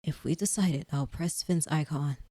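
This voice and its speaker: A woman's voice: deep voice, moderate pace, warm tone, a little hiss or hum. A woman hosting a let's-play, reading a visual novel aloud and chatting casually about it. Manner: casual, chatty, slangy asides between read lines.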